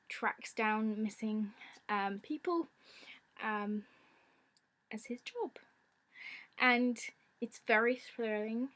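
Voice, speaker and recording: A woman with a croaky voice, chatting casually and informally as she presents a film vlog. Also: fairly high pitch, a bit bright. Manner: informal, giggly. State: croaky from a lingering ailment. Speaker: film vlogger.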